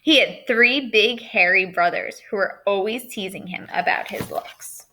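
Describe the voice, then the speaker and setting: Teaching writing remotely, this schoolteacher reads from a storybook, explains, and asks her pupils questions directly. She speaks at a measured pace in a medium-pitched, pushed, bright voice, and the rough recording has slight background noise.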